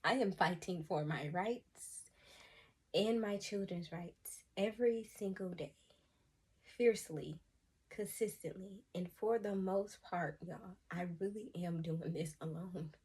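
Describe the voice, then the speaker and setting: A young adult woman speaks to camera in a husky, slightly low voice. She delivers a personal testimony in an earnest, heartfelt way, sighing often and addressing her viewers as y'all. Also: takes it slowly, a little mellow. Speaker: vlogger giving personal testimony.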